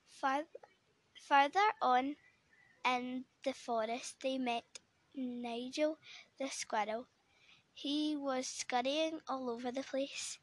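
A woman reading a children's story aloud, gentle and unhurried, with small slips. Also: sits high, fairly even intonation, no room sound.

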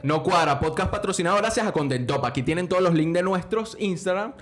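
A man's voice: sits high, animated, fast talker, fairly bright tone, a little hiss or hum. A man co-hosting a podcast, reading the intro and teasing his co-host with short remarks. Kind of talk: casual podcast chat.

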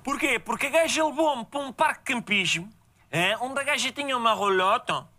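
A man with a European Portuguese accent tells a comic story full of slang. His voice sits extremely high and has a very sharp, forceful edge. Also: expressive, fairly quick.

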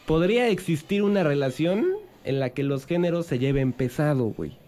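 Lively high-voiced Mexican podcast guy. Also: moderate pace. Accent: Mexican Spanish. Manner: crude joking, swings from loud to mumbled. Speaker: podcast co-host. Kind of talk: casual podcast banter.

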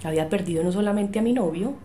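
A woman's voice: mid-range voice, quick pace, mellow, a little hiss or hum. A woman, telling her story as an interview guest and acting out the dialogue she recalls. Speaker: medium, podcast guest.

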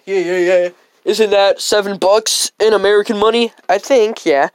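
A woman voicing a hyped-up, big and strong male cart pusher who keeps repeating "yeah" excitedly. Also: mid-range voice, normal speed, clear, resonant tone, no echo, lightly acted. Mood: hyped, loud. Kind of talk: toy role-play.

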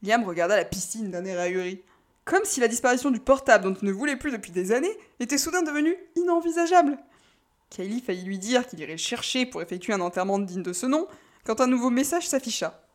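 Woman, audiobook narrator, calm, measured, steady reading. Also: a little high. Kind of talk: scripted narration.

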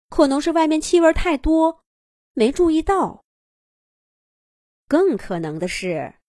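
A woman narrating a children's animal story in an expressive, dramatic way. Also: on the high side, no room sound, studio quality.

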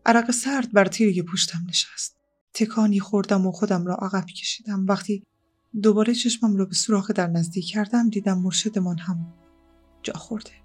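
A woman reading an audiobook in a calm, measured storytelling voice with unhurried pauses. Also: medium pitch, breathy edge, faint music behind. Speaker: audiobook narrator. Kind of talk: scripted audiobook narration.

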